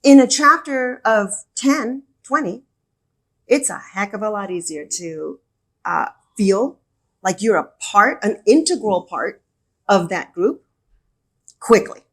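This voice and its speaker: A woman in a relaxed podcast conversation, speaking with enthusiasm and stressing her points by saying them twice. Her pitch sits mid-range for a woman, and she talks the way people do in an easy back-and-forth. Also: slow pace. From El Paso, Texas. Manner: enthusiastic, emphatic, repeats key words. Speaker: podcast guest, regional director.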